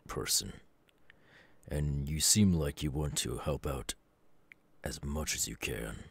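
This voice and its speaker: In an ASMR audio roleplay, a voice actor plays a stern, gruff, middle-aged superhero mentor and father, sounding measured, grave, and approving. His husky, gravelly bass is delivered as a full character voice in a dry recording.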